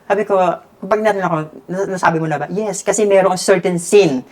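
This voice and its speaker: A man's voice: high voice, fairly even intonation, brisk, darkish tone. A man with a Filipino accent, a hair stylist and guest, telling his story in a casual interview and switching between Tagalog and English.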